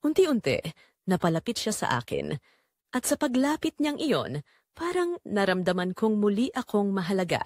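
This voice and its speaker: In an audio drama, a woman voices a wounded middle-aged mother confessing her heartbreak, speaking earnestly and deliberately with wide pitch movement. She sounds very animated and slightly mellow, recorded very dry with no echo. The mood is wistful and sorrowful.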